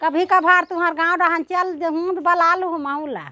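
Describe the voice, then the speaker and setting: Chhattisgarhi lady vlogging, really high voice, dry close sound, chatty and homely. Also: steady tone, a little slow, pushed and bright, no room sound, highs cut off. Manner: homely, affectionate, repeating herself. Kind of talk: casual chat to followers.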